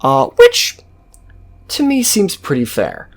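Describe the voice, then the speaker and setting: Taking it slowly, a mid-range commentator swoops wildly in pitch while giving casual, improvised gameplay commentary. His manner is sweary, sardonic and offhand.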